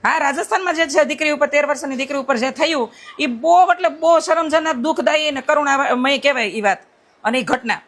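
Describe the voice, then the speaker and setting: A middle-aged woman addresses her critics directly in a blunt, forceful monologue. Her voice sits high, and her words tumble out quickly. She often presses her point home by asking "right?". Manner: repeats rhetorical "right?" checks. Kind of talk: impassioned direct-to-camera monologue.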